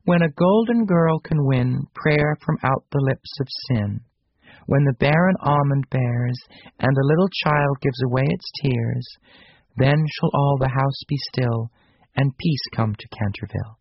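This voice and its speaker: A man's voice: medium pitch, measured pace, creaky, no room sound, dull audio, voice pushed up. A man voicing an earnest, clever little girl in a storybook reading, prim and matter-of-fact. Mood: eager. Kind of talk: audiobook reading.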